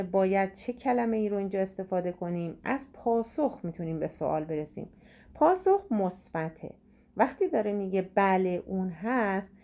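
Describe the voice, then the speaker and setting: Woman teacher going over an english test, mellow voice, lots of rise and fall. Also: medium pitch. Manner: reads English words slowly, explains quickly in Persian. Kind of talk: explaining exam answers.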